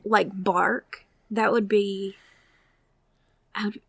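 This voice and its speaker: A woman's voice: medium pitch, steady tone, drawn-out words, creaky, husky, no room sound. A woman from Canada, a guest co-host on a podcast, chatting in an easygoing, giggly way. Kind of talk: casual podcast chat.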